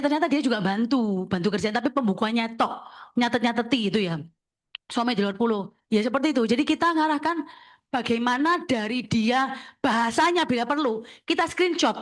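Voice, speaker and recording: A woman, an insurance agency leader briskly coaching listeners and checking in with them as she talks. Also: fairly high pitch. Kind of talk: sharing tips at a talk session.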